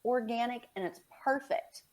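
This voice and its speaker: A woman guest on a podcast about pet loss, telling stories in a lively way and acting out what people said. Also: on the high side, normal speed. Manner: animated, acts out quoted dialogue. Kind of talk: conversational storytelling.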